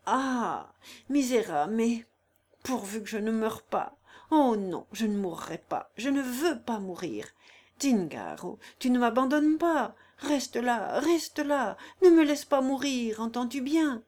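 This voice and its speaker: A woman's voice: fairly high pitch, expressive, slow pace, darkish tone, pitched above the performer's own voice. A woman voicing a fierce, robust singer in agonizing labor, cursing, defiant and cynical. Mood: anguished. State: in agonizing pain.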